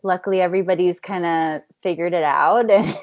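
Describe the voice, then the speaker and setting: A woman's voice: fairly low pitch, steady tone, fairly quick, a little mellow, dry recording, clean studio sound. A woman in casual conversation, chatty and upbeat, laughing easily as she talks. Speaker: actor. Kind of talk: casual chat. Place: Los Angeles area.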